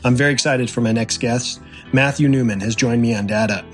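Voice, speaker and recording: A man's voice: mid-range voice, fairly quick. A male podcast host reading an enthusiastic scripted introduction of his guest. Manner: enthusiastic announcer read. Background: faint music.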